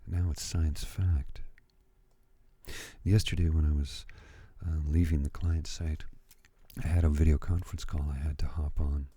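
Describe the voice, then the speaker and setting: A man in his fifties speaking in a soft, breathy ASMR voice, slow and soothing, moving between whispering and murmuring close to a studio microphone. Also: extremely low pitch, dry recording. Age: 50s. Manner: slow, soothing, hushed delivery. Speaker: ASMR host. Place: at home.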